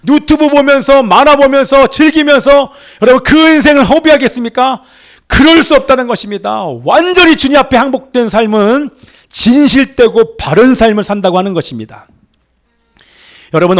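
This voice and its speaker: Animated high-voiced male pastor preaching. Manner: animated, questioning the congregation. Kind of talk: sermon.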